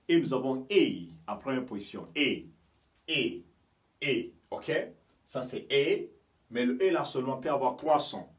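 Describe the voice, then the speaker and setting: A man from Guinea teaching English vowels, explaining patiently and often checking with "ok?" and "you understand me?". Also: mid-range voice. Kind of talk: bilingual language lesson. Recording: voice from a distance from the mic.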